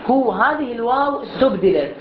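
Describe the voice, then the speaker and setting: A teacher giving a classroom lesson who asks the class questions and slowly stretches out example words to demonstrate them. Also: mid-range voice, animated. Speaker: teacher of Quran recitation rules. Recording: dull lo-fi recording with clear background noise.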